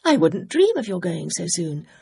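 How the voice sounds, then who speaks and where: A woman's voice: on the low side, big pitch swings, normal speed, vocal fry, mellow, husky, full character voice. A woman reading an audiobook, voicing a gushing, girlish genteel hostess who chatters effusively. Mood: insistent.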